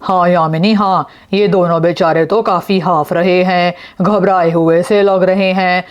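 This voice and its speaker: Woman voicing a calm, brave young father. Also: lowish voice, unhurried, dull audio, close to an everyday voice. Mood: steady. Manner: steady, commanding, reassuring.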